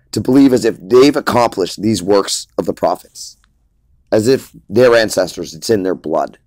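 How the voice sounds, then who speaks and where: A man preaches in a casual, emphatic, lecturing manner, hammering home his points through repetition. His voice sits low. The recording is dry and close, with no room sound. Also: a little mellow, no room sound. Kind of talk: informal preaching monologue.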